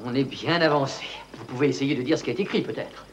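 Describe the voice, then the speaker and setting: An actor playing an impatient, snobbish film director who gives curt, scornful orders, from a muffled film soundtrack with faint hiss. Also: male voice, medium pitch, fast, lightly acted. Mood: bossy impatience. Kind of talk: dubbed film dialogue.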